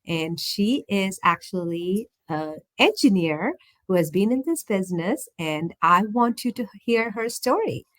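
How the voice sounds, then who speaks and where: A woman's voice: mid-range voice, sing-song, unhurried. A woman hosting an online interview over a video call, upbeat and chatty with many fillers. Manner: upbeat, lots of fillers and laughs. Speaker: host. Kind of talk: casual interview chat. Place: home.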